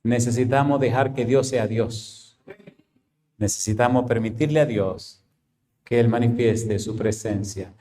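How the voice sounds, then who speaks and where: There's a little hiss or hum as a male pastor delivers a sermon, pounding his listeners with repeated rhetorical questions. He shifts back and forth from loud, high bursts to slow, low declarations.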